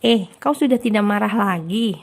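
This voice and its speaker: A woman voicing a lively, talkative young woman who keeps firing off questions at her cousin, in a romance audio story. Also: mid-range voice, moderate pace, lightly acted. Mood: puzzled.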